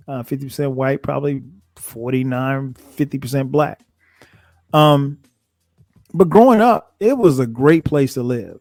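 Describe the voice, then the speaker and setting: A man in his forties, a podcast host from South Carolina, casually telling his own story in a reflective, thinking-aloud way with frequent soft chuckles. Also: mid-range voice, no echo, studio quality.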